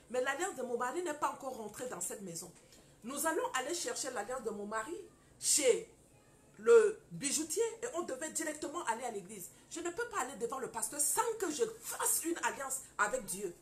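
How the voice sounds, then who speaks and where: A high-voiced woman delivering a preaching testimony on marriage. She talks straight to her listeners, moving from hushed storytelling to loud, fervent declarations. A faint hiss sits under the voice. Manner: addresses listeners directly, scolding and exhorting. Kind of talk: testimony-style preaching to an audience.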